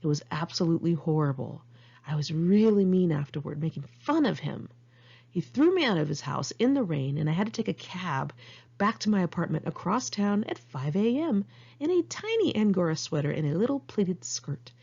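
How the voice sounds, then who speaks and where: Reading from her own memoir in a single take, this Los Angeles-area American woman is frank, chatty and sardonic. She speaks at a normal speed in a lowish, sing-song voice that is warm, husky and creaky, though the audio sounds dull.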